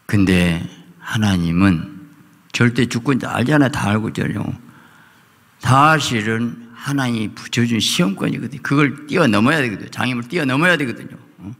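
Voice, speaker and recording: Korean pastor guy preaching, gravelly voice, swings way up and down, church echo. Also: mid-range voice, lively intonation, normal speed. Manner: swings from quiet asides to loud fervent cries, acts out quoted prayers. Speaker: senior pastor. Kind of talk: sermon at a prayer meeting. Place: church sanctuary. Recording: long hall reverb.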